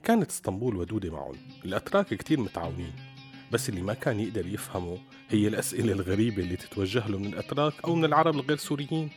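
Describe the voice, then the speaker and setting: A man's voice: fairly low pitch, expressive, rapid-fire. A man with a Syrian Arabic accent narrating a scripted story as a storyteller. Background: music behind the voice.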